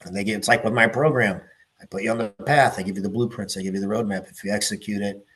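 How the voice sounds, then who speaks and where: A middle-aged man with a somewhat low voice, talking as a guest on a podcast. He rambles through stories and asides, swears freely, and leans on fillers. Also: steady tone, quick pace, a bit bright. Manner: profane, rambling storyteller with many fillers. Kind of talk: casual podcast chat.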